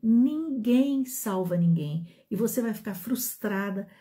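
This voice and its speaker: Brazilian woman with a mellow voice, teaching. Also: mid-range voice, animated, slow pace. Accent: Brazilian Portuguese. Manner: talks to listeners directly, with frequent check-ins. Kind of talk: didactic talk to an audience.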